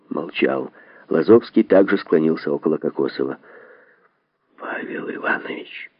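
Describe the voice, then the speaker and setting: A man reads literary prose aloud in a slow, deliberate way, letting dramatic pauses hang between phrases. His voice sits somewhat low. The recording is dull and lo-fi, with a dry, close sound and no room echo. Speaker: reader. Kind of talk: literary reading.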